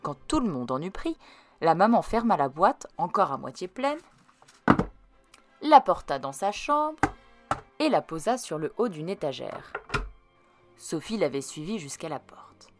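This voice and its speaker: A woman reads a children's story aloud with an expressive, melodic delivery, her low voice ranging widely in pitch. She drops to a near-whisper at tense moments, over faint background music. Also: a little slow, long pauses. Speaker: storybook reader. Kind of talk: reading a children's classic aloud.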